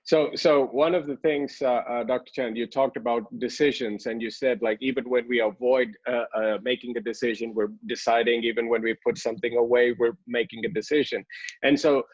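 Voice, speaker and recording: A man, a pastor hosting an interview, asking long questions with halting restarts. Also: medium pitch, fairly even intonation, dry recording. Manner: halting, many fillers and restarts, frequent "mm" and "amen" as backchannel. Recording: dry dull lo-fi sound.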